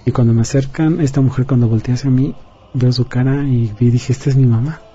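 A man's voice: medium pitch, fairly even intonation, fairly quick, dark tone, husky. A man giving an earnest personal testimony as an interview guest. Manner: earnest, confiding storyteller. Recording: dull lo-fi audio, faint music.

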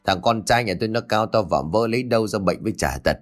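A man's voice: animated, fast, lightly acted. A man voicing a harsh, sneering old mother-in-law in a spoken ghost story. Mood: scolding. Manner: shrill, sneering, scolding.

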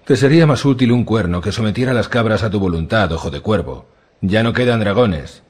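A man voicing a sharp-tongued, defiant young woman warrior in an audiobook reading, sarcastic and mocking. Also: fairly low pitch, animated, fairly quick, breathy edge.

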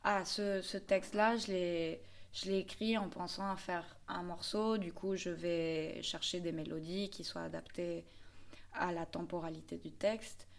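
A woman's voice: on the low side, steady tone, measured pace, creaky. A woman, a singer-songwriter answering interview questions thoughtfully, often searching for her words. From Mexico. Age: 30s.

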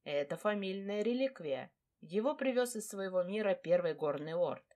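A woman voicing a proud, brooding male dragon lord who speaks tenderly to his fiancée, in a low, hushed tone. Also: animated, normal speed, close to an everyday voice.

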